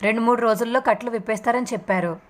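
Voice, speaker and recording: A woman's voice: a little high, rapid-fire, lightly acted. A woman voicing a worried, frail grandmother who talks in a tired, soothing way. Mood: weary.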